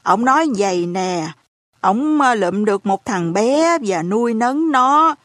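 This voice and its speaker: A woman voicing a hard-of-hearing elderly landlady who speaks in a slow, lamenting, folksy way. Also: fairly high pitch, lively intonation, fairly bright tone, no echo, clean studio sound. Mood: lamenting, gossipy.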